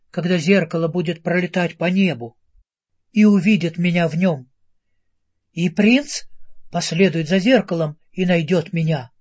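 A man tells a fairy tale, talking straight to his listener as a storyteller. His voice is fairly high with a husky grain. The recording is dull and lo-fi. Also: a little mellow. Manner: storyteller addressing the listener directly. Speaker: narrator. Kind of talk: storybook narration.

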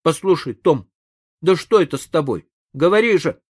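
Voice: mid-range voice, big pitch swings, slow, a little mellow, slightly rough, pitched above the performer's own voice, exaggerated voice. A reader playing a frightened, urgent boy. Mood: alarmed. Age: child. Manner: urgent, worried, pleading. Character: frightened younger brother, anxious boy.

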